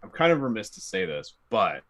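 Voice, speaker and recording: A man co-hosting a casual podcast, wry and quick to laugh, tossing in silly impressions. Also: lowish voice, very animated, background noise. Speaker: podcast co-host. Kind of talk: casual chat.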